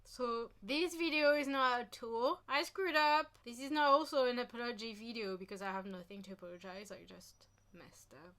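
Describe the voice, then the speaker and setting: A young woman from France with a French accent, chatting casually in her own vlog, animated and self-mocking, with frequent whispered asides. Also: on the high side, moderate pace, few pauses. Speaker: vlogger.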